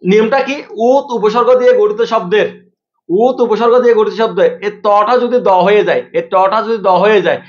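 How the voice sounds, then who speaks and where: Fast high-voiced male teacher. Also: dull audio. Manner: explains rules, asks questions and answers them himself; repeats rules for drilling. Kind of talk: live online exam-prep class.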